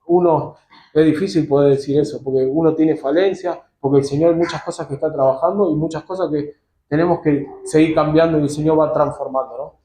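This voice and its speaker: High-voiced Argentine man preaching. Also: mellow, a little hiss or hum. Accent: Argentine Spanish. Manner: fervent prayer, repeating "Lord" in nearly every phrase. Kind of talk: sermon and congregational prayer. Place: church hall. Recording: echoey church hall with music. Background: music.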